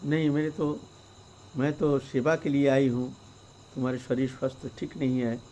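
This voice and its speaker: A man's voice: medium pitch, level tone, moderate pace, warm tone, slight background noise, lightly acted. A man voicing a devoted wife who earnestly insists on staying to serve her husband. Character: devoted wife, gentle but determined.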